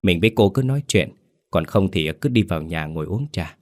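A man voicing a polite, gentle young wife speaking to her husband. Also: deep voice, animated, brisk.

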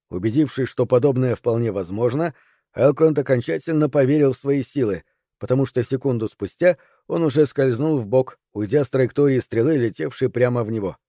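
A man narrating a first-person audiobook in a steady, even storytelling manner. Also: medium pitch, no echo, clean studio sound.

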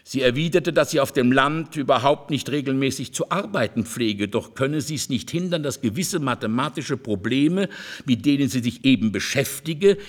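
A man narrates classic literary fiction in a measured, expressive way. His voice sits slightly high and moves in lively melodic curves. It is steady audiobook storytelling.

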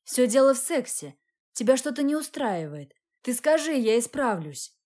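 A woman reading a storybook voices a hot-tempered young husband who shouts and pushes. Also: high voice, very animated, normal speed. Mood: pushy. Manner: shouting, pushy.

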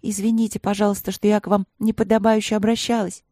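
A reader voicing a curious, lively young princess who asks eager questions. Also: mid-range voice, fast, no echo, studio quality, pitched above the performer's own voice, close to an everyday voice. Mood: apologetic.

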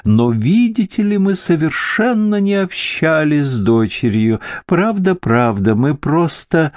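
A man's voice: a little high, big pitch swings, unhurried, darkish tone, no room sound, voice pushed up. A man voicing an elderly woman with a Texan accent who drawls flustered excuses.

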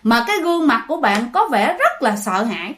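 A woman's voice: a little high, sing-song, brisk, fairly bright tone. A woman narrating a ghost story chattily, speaking straight to her listeners. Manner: chatty, addresses listeners directly.

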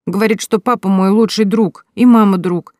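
A woman's voice: mid-range voice, fairly even intonation, normal speed, a little mellow, no echo, studio quality, pitched above the performer's own voice, lightly acted. A woman voicing a curious little boy in an audiobook, asking earnest, eager questions.

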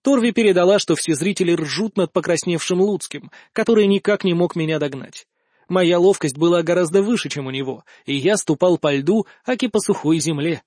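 High-voiced male audiobook narrator. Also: a little fast, a little mellow, no room sound, clean studio sound. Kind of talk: first-person audiobook narration.

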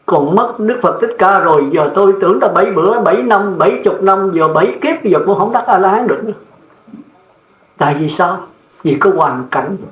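A man's voice: high voice, expressive, brisk, roomy sound, low-quality recording. An older man, a Buddhist monk, giving a blunt, plain-spoken dharma sermon that often checks in with the listeners.

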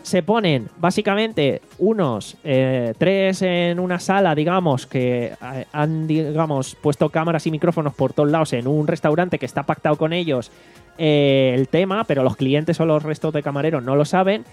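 Chatty man, slightly high voice. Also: moderate pace, a little mellow, faint music behind. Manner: retells a comedy show with lots of fillers and swearing. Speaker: podcast host. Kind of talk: casual chat.

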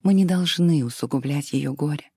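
A reader voicing a gentle, kind young woman who speaks softly and earnestly to comfort. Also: medium pitch, normal speed, breathy edge, no room sound, studio quality. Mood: soothing. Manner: soft, soothing, earnest. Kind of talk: audiobook reading.

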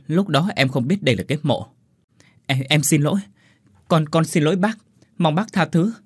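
A man's voice: a little high, expressive, normal speed, husky, dry recording, studio quality, voice pushed up. A man voicing a shy young woman who stammers out apologies in a story reading. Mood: pleading. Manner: stammering, pleading.

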